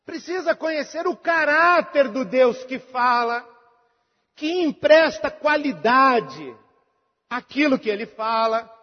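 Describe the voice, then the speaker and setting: High husky-voiced preacher in a hall. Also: male voice, lively intonation, slow pace. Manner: earnest, swings between emphatic and hushed. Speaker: pastor. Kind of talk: sermon. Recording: reverberant hall, dull lo-fi sound.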